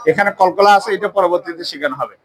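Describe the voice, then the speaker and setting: Sex: man. Role: Quran teacher. Pitch: high. Style: classroom recitation lesson, drilling sounds and answering his own questions. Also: fast, a crowd in the background, poor audio. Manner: drills pronunciation, asks questions and answers them himself. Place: mosque classroom.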